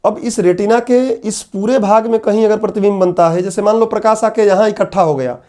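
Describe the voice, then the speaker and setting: A male teacher with a high voice and dark tone gives an exam-prep lecture, repeating key terms and questioning his students. He is recorded on a laptop microphone during an online class.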